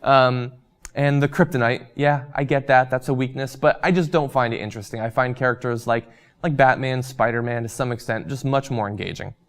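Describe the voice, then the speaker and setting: A man's voice: mid-range voice, steady tone, a little fast. A young man hosting a show and chatting casually through viewer comments, losing his voice, with frequent ums and uhs. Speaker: host.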